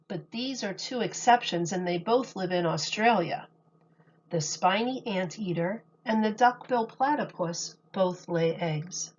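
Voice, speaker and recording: Reading aloud to small children, a woman teacher works through a picture book with deliberate, expressive storytelling. She speaks at a medium pitch, and the recording is muffled.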